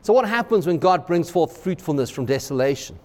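A man preaching a sermon as pastor, emphatic and excitable, driving home repeated refrains. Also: on the high side, fairly quick. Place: church sanctuary. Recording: long hall reverb.

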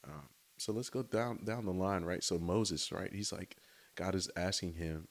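A man's voice: low voice, a little slow, creaky. A man giving a casual, enthusiastic devotional talk outdoors, speaking conversationally to his listeners. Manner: enthusiastic, conversational, often says "right?" and "y'all". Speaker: faith speaker.

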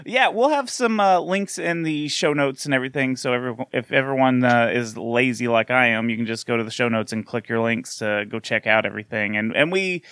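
A man hosting a casual podcast, relaxed and loose, with plenty of fillers as he talks. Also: mid-range voice, brisk, hardly any pauses, smooth, dry recording, studio quality. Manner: relaxed, filler-heavy, laughs along. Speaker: podcast host.

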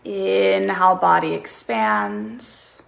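Slow, creaky woman counting breaths in meditation. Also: mid-range voice, fairly even intonation. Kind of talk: guided relaxation meditation.

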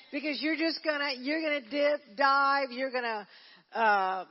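A fairly high-voiced woman, a church minister leading a prayer service, preaches a Pentecostal sermon that echoes at length through the sanctuary. She begins conversationally, often restarting her sentences, then builds into fervent, rousing preaching. The audio is muffled and lo-fi.

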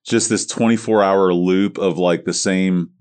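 Low voiced dude hosting a podcast, thoughtful, asking questions. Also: male voice, fairly even intonation, a little slow, darkish tone, clear, resonant tone. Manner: reflective, asks probing questions. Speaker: podcast host. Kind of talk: casual interview chat.

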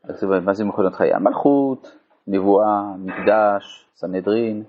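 A man teaching a Torah lesson to a live group, reading a passage aloud and explaining it phrase by phrase. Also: fairly low pitch. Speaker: rabbi teaching a text. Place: community study hall. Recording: dull lo-fi recording.

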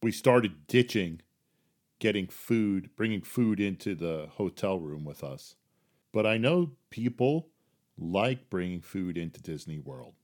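A middle-aged man with a New Jersey accent hosting a casual solo podcast, chatty and self-deprecating, swinging between loud emphasis and quiet asides. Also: low voice, lively intonation, unhurried. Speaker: podcast host.

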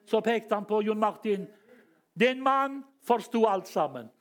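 A man preaching a charismatic sermon, telling stories and bursting into shouted hallelujahs. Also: sits high, animated. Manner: storytelling that swings up into shouted hallelujahs, chuckles.

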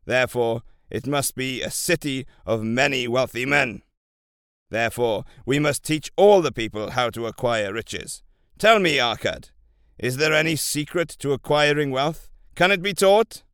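Guy doing a bossy old-time king, loud and regal, pretty dry sound. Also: mid-range voice, expressive, unhurried, smooth, no room sound. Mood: eager. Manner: demanding, regal. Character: commanding ancient male king.

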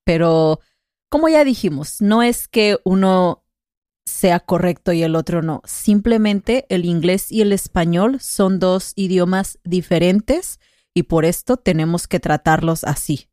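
A woman's voice: fairly low pitch, measured pace, a little mellow, no room sound, clean studio sound. A woman co-hosting a conversational Spanish lesson podcast, patiently explaining grammar rules with examples.

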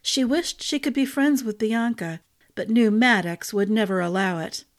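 A woman reading a fantasy novel aloud as a podcast storyteller, with a gentle, measured delivery. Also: a little high. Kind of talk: audiobook-style fantasy narration.

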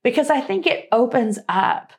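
Woman, creaky gravelly voice, earnest and reflective, faith-based talk co-host. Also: fairly high pitch, animated, moderate pace.

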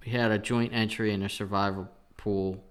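Animated man venting about a lost bet. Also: lowish voice, moderate pace, clear, resonant tone. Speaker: podcast host. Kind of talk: casual sports betting chat.

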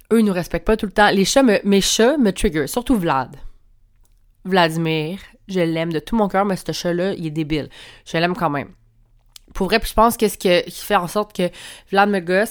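A woman's voice: mid-range voice, clear, resonant tone. A young woman with a Québécois French accent hosts her podcast alone from home, chatty and candid, swearing freely and laughing often. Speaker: podcast host. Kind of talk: casual solo podcast monologue. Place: room at home. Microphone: clip-on mic.

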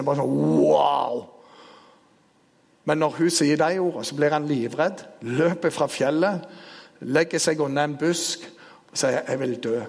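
A man preaching a sermon, retelling a story with lively storytelling. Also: on the high side, gravelly, breathy edge. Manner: storytelling, grows animated and loud in the retelling. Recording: long hall reverb.

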